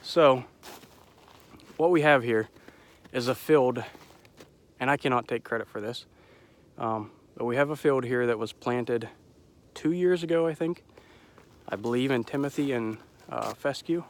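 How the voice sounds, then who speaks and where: A man's voice: medium pitch, measured pace, long pauses. Young male farmer filming himself in a field, slightly winded and stuffy, chatty and self-deprecating, mid-range voice. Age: young adult. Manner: rambling, self-deprecating, adds disclaimers. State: out of breath, has a cold. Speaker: farmer vlogger. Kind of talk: casual outdoor farm vlog. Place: outdoors in a winter pasture.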